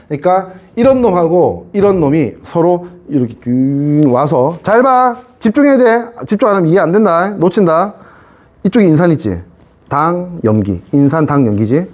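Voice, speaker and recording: A man's voice: sits high, darkish tone. A man teaching a science class in a chatty lecture style, often checking if students follow and repeating key points. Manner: chatty, keeps asking students to confirm.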